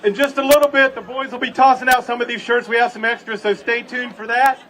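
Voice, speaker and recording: A man's voice: very high-pitched, fairly even intonation, quick pace. A man speaking as city manager at a public ceremony on an outdoor stage, with an informal, folksy address. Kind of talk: public event speech to a crowd. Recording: distant outdoor PA with crowd and noise.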